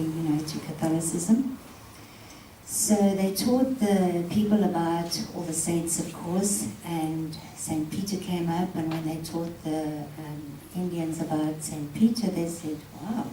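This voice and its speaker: A soft-spoken South African woman, a guest speaker, talks informally to a live audience on a handheld mic, with many ums and frequent laughter. Her voice is on the low side. The low-quality recording sounds roomy and far from the mic, with a little hiss or hum.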